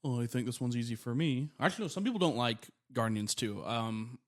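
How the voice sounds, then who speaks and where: An easygoing man trading film opinions on a casual podcast, chuckling often between his remarks. His voice sits at an ordinary middle pitch. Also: expressive, brisk.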